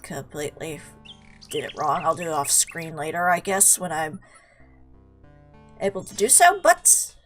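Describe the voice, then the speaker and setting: A woman's voice: low voice, big pitch swings, a little slow, long pauses, a bit bright. A woman hosting a video game playthrough with casual, chatty commentary, playfully talking back to the game. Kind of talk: casual let's play commentary. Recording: game music behind the voice. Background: video game music.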